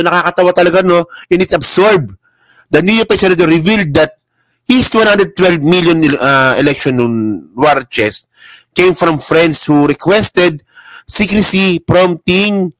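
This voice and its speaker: A political vlogger from the Philippines hosts a casual commentary livestream indoors at a laptop, reading headlines aloud while mocking them and laughing often. His voice is fairly high, and the low-quality recording has no echo.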